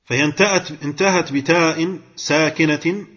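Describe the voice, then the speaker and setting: Male grammar teacher, husky voice, step-by-step classroom explaining, muffled recording. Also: on the high side, moderate pace, a bit bright. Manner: explains step by step, quizzes and praises students.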